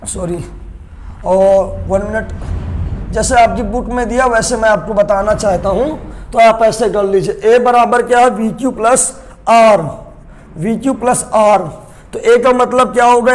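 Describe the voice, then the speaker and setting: A man with a very high speaking voice teaches a math lesson to students. He poses questions and answers them himself. He slows down to repeat the key terms. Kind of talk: classroom-style lesson to camera.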